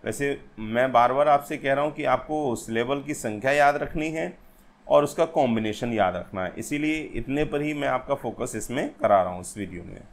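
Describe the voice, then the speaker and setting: A man teaching an exam-prep lesson, speaking slowly and repeating each point, reading English definitions aloud between explanations. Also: mid-range voice. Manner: slow and repetitive, addresses viewers as friends, reads English definitions aloud. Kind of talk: exam-prep lecture on poetic meter.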